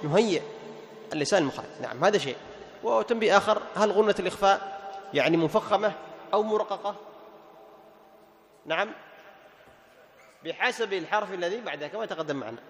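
A man with a notably high voice teaches recitation rules to a room of students. He fires off quick questions, answers them himself, and breaks into short chanted examples. Long reverb from the hall trails every phrase. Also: lively intonation, a little hiss or hum. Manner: quizzes students with quick rhetorical questions, then repeats the answer. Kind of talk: classroom lesson on recitation rules. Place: classroom with students present.

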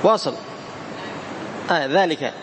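A man teaching Quran recitation in a classroom, patiently quizzing students and chanting verses slowly. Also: fairly high pitch. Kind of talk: classroom tajweed lesson. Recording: hall reverb, faint room noise.

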